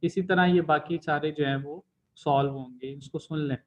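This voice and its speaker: A man's voice: a little high, fairly even intonation, moderate pace, rough recording. A man teaching a language lesson, explaining each step patiently with frequent fillers.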